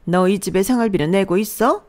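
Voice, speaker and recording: Woman playing a nagging older mother-in-law, sneering, belittling, loud and raised in pitch, storybook dialogue. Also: brisk, lightly acted. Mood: scolding. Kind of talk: storybook narration with acted dialogue.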